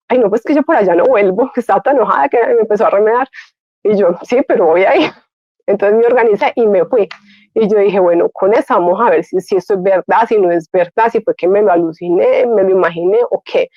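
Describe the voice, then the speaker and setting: Woman, lively testimony, acts out her own lines, dry dull recording. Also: medium pitch, dry recording. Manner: animated storytelling, acts out her own past words. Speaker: guest giving faith testimony. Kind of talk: personal testimony.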